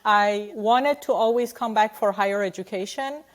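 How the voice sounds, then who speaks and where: A woman from Iran answering interview questions in a conversational way, pausing with hesitations. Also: mid-range voice. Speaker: guest, psychology faculty member.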